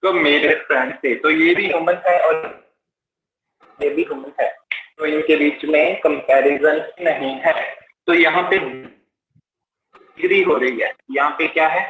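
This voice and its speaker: A man's voice: on the high side, a little slow, pauses often, fairly bright tone, slight background noise. A man with an Indian English accent teaching a live exam-prep class, explaining step by step and asking and answering his own questions. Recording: roomy, slightly dull live-class audio.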